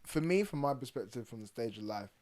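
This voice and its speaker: A young man co-hosting a casual podcast chat, laughing often and trailing off quietly when he turns serious. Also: mid-range voice, animated, fast, over a noisy crowd. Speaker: podcast co-host.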